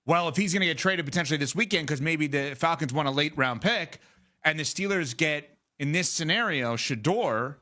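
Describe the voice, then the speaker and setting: A man hosting a sports talk show, rattling through draft scenarios in a rapid, animated, thinking-out-loud way. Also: a little high. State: out of breath. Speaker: show host.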